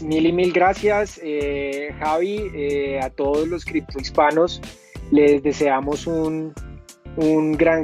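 Man, podcast host, fairly high voice, effusive thanks, faint music behind. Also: a little mellow. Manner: effusive, repeats his thanks. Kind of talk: casual interview wrap-up.

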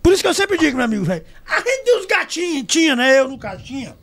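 Animated, gravelly middle-aged man. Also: extremely high pitch, quick pace, slight background noise. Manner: loud, animated, laughing storyteller. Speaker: podcast guest, journalist. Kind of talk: casual storytelling chat.

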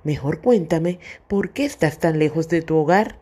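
A woman voicing a wise, kind old male chimpanzee in a children's storybook, speaking gently and reassuringly. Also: low voice, moderate pace, husky. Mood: gentle.

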